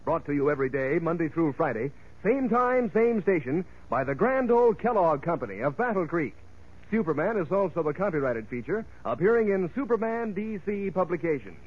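A man with an American accent doing a folksy, eager 1940s radio announcer's sales pitch to children. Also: very animated, brisk, breathy edge. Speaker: commercial announcer. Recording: tinny, phone-like vintage radio recording.

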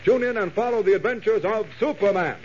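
A man's voice: sits high, brisk, darkish tone, slight background noise. Suspenseful old-time radio narrator, male, muffled. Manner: old-time announcer's grave, suspenseful delivery. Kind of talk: dramatic 1940s radio serial narration. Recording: muffled vintage radio recording.

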